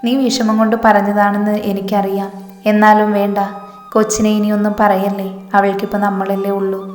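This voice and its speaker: A woman narrator voicing a soft-spoken older father whose gentle voice catches with emotion. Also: medium pitch, flat delivery, brisk, close to an everyday voice. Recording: echoey room reverb, soft music.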